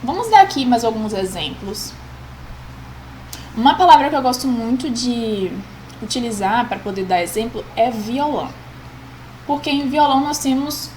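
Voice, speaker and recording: High-voiced patient woman teaching grammar. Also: darkish tone, slight background noise, rough recording. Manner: patient, checks in with "ok?". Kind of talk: explaining a grammar lesson.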